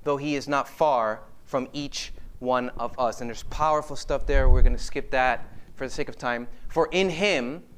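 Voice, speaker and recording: A man preaching a live sermon to a congregation, animated, putting questions to his listeners and dropping joking asides. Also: mid-range voice, normal speed, few pauses, a little hiss or hum.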